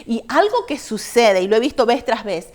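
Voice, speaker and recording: A woman with a somewhat high voice co-teaching a church Bible study. She talks conversationally and keeps checking in with rhetorical questions. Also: very animated, normal speed, a little mellow.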